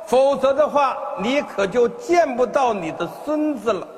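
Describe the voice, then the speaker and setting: A man playing a scheming phone scammer posing as a police officer in a stage comedy sketch, who gives stern orders and often shouts. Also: very high-pitched, animated, unhurried. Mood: bossy. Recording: reverberant hall with noise.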